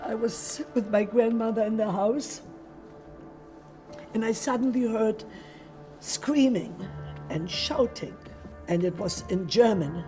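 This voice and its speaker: An older woman from Eastern Europe giving recorded testimony as a Holocaust survivor, telling her story in a measured, plain way. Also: a little high, mellow, faint music behind. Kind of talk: archival testimony interview.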